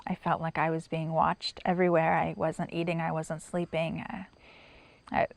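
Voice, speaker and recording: A middle-aged woman recounting a painful personal experience in a halting, emotional way, with pauses and restarts. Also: low voice, little pitch movement, creaky. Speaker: interviewee telling her story. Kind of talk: personal testimony.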